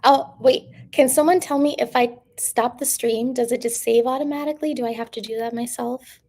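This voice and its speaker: A woman's voice: fairly high pitch, fairly even intonation, brisk, a little mellow. A woman hosting a casual livestream, rambling with lots of fillers and drifting into whispers, her throat strained from talking. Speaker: livestream host.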